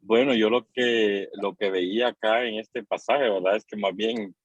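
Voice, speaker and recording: A man's voice: fairly low pitch, fairly even intonation, unhurried, no echo, muffled recording. Hesitant man calling in from his car. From Guatemala. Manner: hesitant, many fillers and restarts. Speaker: church course participant. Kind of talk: casual group sharing. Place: in a car while driving.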